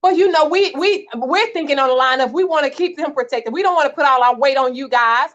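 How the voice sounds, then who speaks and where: A woman marriage coach talks straight to her listeners, earnest and encouraging. Her voice sits high. The audio is somewhat dull and lo-fi. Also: brisk, a bit bright. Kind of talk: heartfelt church talk show chat.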